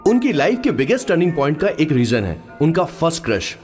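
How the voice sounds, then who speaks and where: A man's voice: a little high, sing-song, fairly quick, darkish tone. A man dubbing a chatty young assistant who narrates his boss's story in a film. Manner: jokey, chatty. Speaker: narrator and sidekick. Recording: film soundtrack with faint music.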